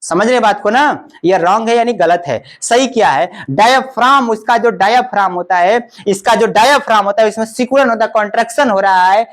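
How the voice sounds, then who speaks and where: High-voiced teacher quizzing himself aloud. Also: male voice, brisk, hardly any pauses. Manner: asks questions and answers them himself, repeats often. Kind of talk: video lesson explaining with a diagram.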